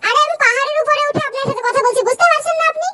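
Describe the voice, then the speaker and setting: A dramatic, jilted young ex-girlfriend, voiced by a woman in a comic fan dub. She speaks very high and loud, repeating herself over the phone. Faint hiss sits behind her. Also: very fast. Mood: whiny.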